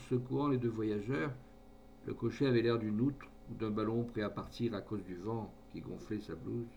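A man narrating a classic short story in a measured, expressive reading voice. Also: mid-range voice, a little hiss or hum. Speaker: audiobook narrator.

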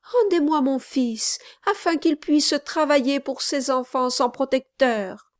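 A woman's voice: high-pitched, slow, dry recording, clean studio sound, pitched above the performer's own voice. Tearful desperate mother, as a woman reader voices her. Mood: desperate pleading. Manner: desperate, pleading, accusing. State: crying. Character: grieving poor mother pleading for her son. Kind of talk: audiobook character reading.

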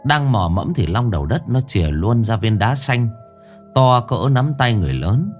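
Giọng nam kể truyện ma đầy kịch tính. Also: male voice, medium pitch, big pitch swings, normal speed, a little mellow, soft background music. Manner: dramatic, vivid. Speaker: storyteller. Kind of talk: ghost story narration.

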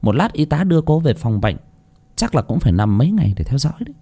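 A man voicing a calm female hospital doctor who delivers news in a matter-of-fact, professional manner. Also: on the high side, quick pace, creaky, husky, pitched above the performer's own voice, heavily acted.

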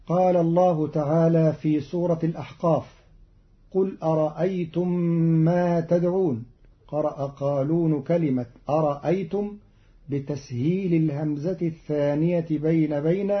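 A man giving a formal, scripted explanation of Quranic reading variants, speaking in a measured and precise way. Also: fairly high pitch. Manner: measured, precise classical Arabic delivery. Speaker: Quran recitation teacher introducing the readings. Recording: dull lo-fi old recording.

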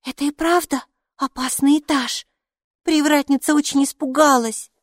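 A woman voicing an eager six-year-old girl who argues back readily, in a high, childlike voice for a storybook. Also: steady tone, moderate pace, no echo, studio quality, lightly acted. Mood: worried.

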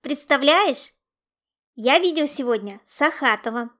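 Woman doing an excited little boy steam engine. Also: high-pitched, measured pace. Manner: wide-eyed, loud and excited, whispers when scared.

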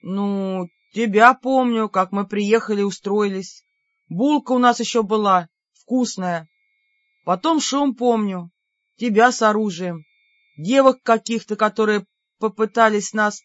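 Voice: medium pitch, measured pace, no echo, highs cut off, close to an everyday voice. A narrator doing a hotheaded injured young demon. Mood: groaning, indignant. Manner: groaning, indignant outbursts.

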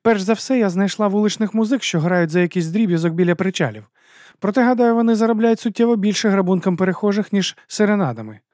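A man reading an audiobook and voicing a sharp, impatient woman schemer with a clipped, scornful delivery. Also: high voice, fast, no echo, clean studio sound, voice pushed up, natural voice. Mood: dry report. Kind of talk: audiobook character voice.

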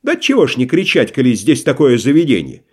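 A man's voice: mid-range voice, wildly swooping pitch, fairly quick, darkish tone, slightly rough. A man voicing a wily, stubborn merchant who talks in a folksy, obsequious way, in an audiobook play reading. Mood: wheedling stubborn. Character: wily, stubborn middle-aged male merchant.

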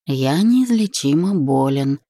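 Woman voicing a cocky young husband who bosses his wife around, low mellow voice, dry close sound. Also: lively intonation, slow pace, dry recording, full character voice. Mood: tender. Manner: playful, bossy, tender. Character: teasing, commanding young husband and boss. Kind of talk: audiobook reading.

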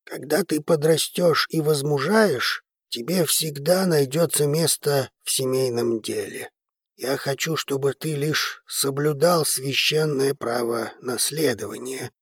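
A man voicing a calm, commanding old grandfather in an audiobook, speaking in a measured, soothing way. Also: medium pitch, slightly rough, no echo, clean studio sound. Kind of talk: audiobook character reading.

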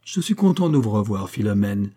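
A man's voice: lowish voice, very animated, brisk, mellow. A man reading aloud, voicing a carefree, persistent young coachman in a coaxing, easy-going manner. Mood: coaxing, cheeky.

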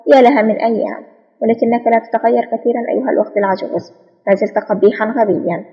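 A woman's voice: a little high, fairly even intonation, fast talker, breathy edge, big-room sound, dull audio. A woman reading the lines of a cool, sarcastic male secret agent in an audiobook. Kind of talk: audiobook spy novel reading.

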